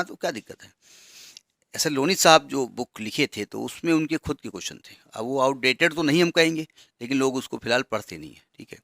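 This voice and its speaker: A man's voice: medium pitch, gravelly, sharp tone, dry recording, clean studio sound. A man teaching a maths lesson, explaining step by step with asides and rhetorical questions. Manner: reads English problem text slowly and deliberately.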